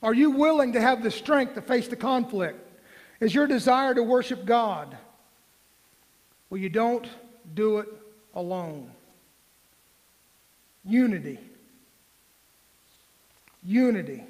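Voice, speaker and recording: A man in his forties with a notably high voice delivers a sermon, mixing folksy jokes with pointed, emphatic questions. His words trail into the long reverb of a church sanctuary. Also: animated, slow, long pauses. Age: 40s. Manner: folksy, joking asides, rising to emphatic questions. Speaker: pastor.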